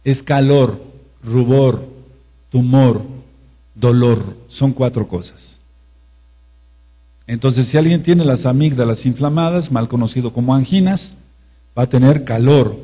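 A preacher with a Mexican accent delivers a teaching sermon, repeating key words and putting questions to his listeners. His voice is mid-range, dark in tone and slightly rough.

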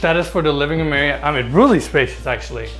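A man's voice: fairly high pitch, fast talker, fairly bright tone, soft background music. A man in his thirties hosting a casual home tour, enthusiastic and chatty as he talks straight to viewers, on a lapel mic indoors. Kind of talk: casual walkthrough narration. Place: large indoor house basement.

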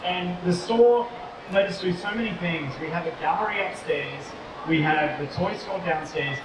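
A high-voiced man at a moderate pace spins chatty stories during a casual live talk, speaking as co-founder of a toy company. He's at a large indoor mall expo, and the distant mic picks up the echoing hall and the crowd.

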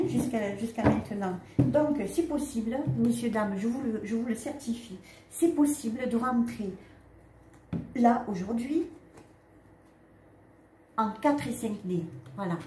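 A woman giving a casual spiritual card reading, talking straight to her viewers in a halting way with frequent "hein" and "d'accord" tags. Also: a little high, warm tone. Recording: echoey room with faint ambient noise.

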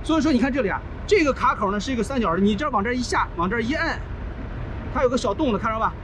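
A man's voice: extremely high pitch, lively intonation, very fast, fairly bright tone, a little hiss or hum. A middle-aged man from China, a trucker vlogger, bluntly explaining a truck repair step by step and swearing freely, filmed on a body-worn camera in an outdoor truck yard. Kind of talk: casual how-to commentary while repairing. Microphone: body-worn action camera.

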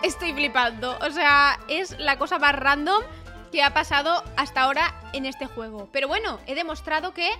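High bright excitable young woman gamer. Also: normal speed, faint music behind. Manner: excitable, exclaims and reacts loudly to the game. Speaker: gaming YouTuber. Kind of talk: lively gameplay commentary.

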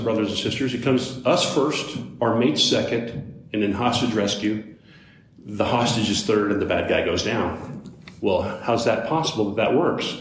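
A man giving a live storytelling talk to young people, conversational and animated, with sudden jumps up in pitch and loudness. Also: slight background noise. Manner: conversational, with asides to the audience. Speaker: motivational speaker. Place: large hall with a live audience. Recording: roomy live hall sound.

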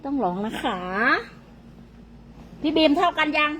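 A woman's voice: high voice, sing-song, a little slow, a bit bright, slight background noise. An older woman, a grandmother chatting playfully and coaxing her grandchild while cutting her hair, filmed at home. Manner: coaxing, playful, often laughing. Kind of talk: casual vlog chatter.

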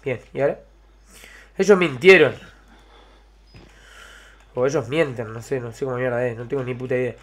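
A man's voice: mid-range voice, normal speed, pauses often, a bit bright. A man with an Argentine accent giving horror gameplay commentary, jumpy, swearing constantly and screaming when frightened. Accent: Argentine Spanish. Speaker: let's play gamer.

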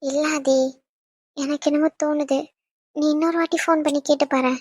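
Cartoon role: woman playing bossy, nagging wife, very high voice, dry close sound. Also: little pitch movement, moderate pace, darkish tone, no echo, lightly acted. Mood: worried. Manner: scolding, teasing. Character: bossy, sharp-tongued young wife. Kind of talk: cartoon voice acting.

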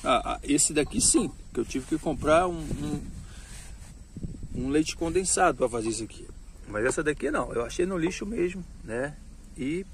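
Filmed by an action camera resting on the ground beside a road, a man in his thirties casually shows viewers his motorcycle gear. His voice sits on the high side, and he goes slowly, repeating himself and chatting to his "pessoal," with a little hiss or hum in the audio.

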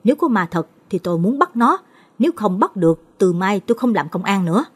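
A stubborn middle-aged policeman snaps and scolds his family, voiced by a woman narrator. His voice is husky and swings in pitch. He sounds domineering throughout. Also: expressive, moderate pace, dark tone. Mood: scolding. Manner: snapping, domineering.

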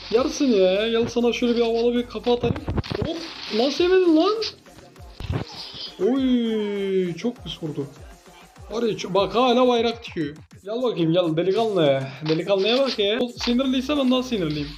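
Excitable man trash-talking over gameplay. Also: extremely high pitch, a little fast, music in the background, poor audio. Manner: excitable, teasing trash talk to the opponent. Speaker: gaming YouTuber. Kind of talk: live gameplay commentary.

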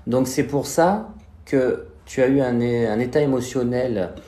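A man's voice: mid-range voice, unhurried, warm tone. A young man with a slushy lisp on his s, chatting casually as a live-stream host and reading out viewers' questions. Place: small indoor room. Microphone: phone at arm's length. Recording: echoey room sound.

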